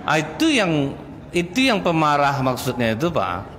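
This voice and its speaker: A man's voice: a little high, big pitch swings, moderate pace, fairly bright tone, a little hiss or hum. Man preaching in an echoey mosque. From Indonesia. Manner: folksy storytelling, acting out quarrels in a raised voice. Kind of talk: pre-tarawih mosque sermon. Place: mosque hall. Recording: echoey mosque hall with faint ambience.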